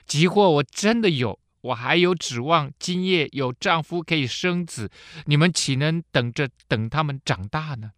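A man voicing a grieving elderly widow who pleads slowly and sorrowfully with her daughters-in-law. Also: a little high, expressive, fairly bright tone, no room sound, studio quality, voice pushed up. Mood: sorrowful pleading.

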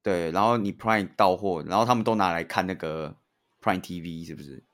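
A man's voice: sits low, a little fast, fairly bright tone. A man with a Taiwanese Mandarin accent co-hosting a podcast in casual, bantering conversation. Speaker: podcast co-host.

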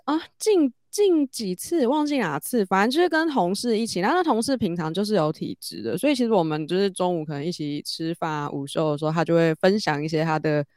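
A woman, telling a story in casual chat and growing animated as she goes. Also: fast, few pauses, no echo, studio quality. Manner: animated, rises high when excited.

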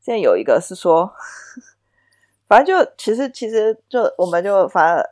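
A woman chatting on a podcast as co-host, her pitch swinging up and down as she tells stories. She laughs often. The sound is dry and close. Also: normal speed, dry recording. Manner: animated storyteller, laughs often. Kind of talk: casual chat.

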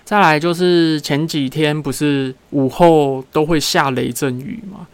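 A man's voice: a little high, steady tone, unhurried, clear, resonant tone, no echo. A young man hosting a casual solo podcast, telling everyday stories and acting out what people said. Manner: chatty storyteller who acts out what people said. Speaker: podcast host.

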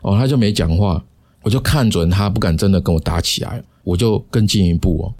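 Low-voiced man telling a story. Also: darkish tone, husky. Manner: chatty, sprinkled with drawn-out particles. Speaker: podcast host. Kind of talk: casual solo podcast storytelling.

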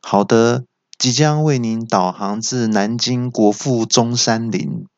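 A man with a Taiwanese Mandarin accent voicing a cheeky, scatterbrained talking car navigation machine in a slow, drawn-out mock announcer tone. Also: mid-range voice, darkish tone, no echo. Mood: smug calm. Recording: slightly dull, dry recording.

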